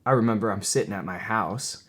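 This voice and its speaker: A young man talks casually with a slightly low voice, packing his speech with fillers and restarts. He tells stories animatedly, playing out what people said. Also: fairly quick. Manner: animated storyteller, acts out quotes loudly; filler-heavy, many restarts. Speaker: podcast guest. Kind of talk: casual conversation.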